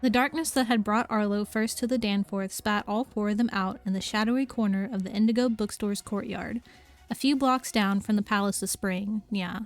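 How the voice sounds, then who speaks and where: A woman's voice: medium pitch, fairly even intonation, normal speed, soft background music. Give me a young woman reading a book on stream, tagging "yeah" on every line. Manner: adds "yeah" after nearly every sentence, giggly asides. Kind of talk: reading a novel aloud on stream.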